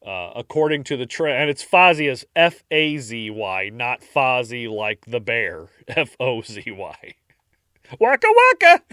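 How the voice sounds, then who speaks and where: A man co-hosting a podcast, reading out a dark history story in a casual, jokey way. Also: medium pitch, animated, measured pace, hardly any pauses, no room sound, clean studio sound. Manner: jokey, breaks into silly voices and laughs. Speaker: podcast co-host narrating history.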